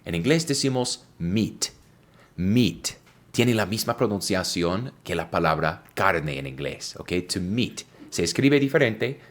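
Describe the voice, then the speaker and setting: A young American man teaching in Spanish, repeating examples slowly and spelling words out letter by letter. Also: sits low. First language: English. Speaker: English teacher. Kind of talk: slow, clear language lesson.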